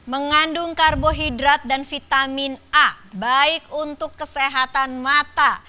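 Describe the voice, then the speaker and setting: A woman's voice: high-pitched, fairly even intonation, takes it slowly. A woman hosting a TV game show, calling out scores and winners as an emphatic prize announcer who draws out results. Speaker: quiz show host. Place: TV studio. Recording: loud noise, clicks.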